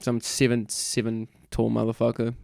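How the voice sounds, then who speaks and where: A man's voice: mid-range voice, monotone, normal speed, gravelly, a little mellow, no echo, studio quality. A young man with a New Zealand accent, co-hosting a casual podcast, swearing and joking a lot as he talks. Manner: crude, joking, laughs often. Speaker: podcast co-host. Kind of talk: casual chat.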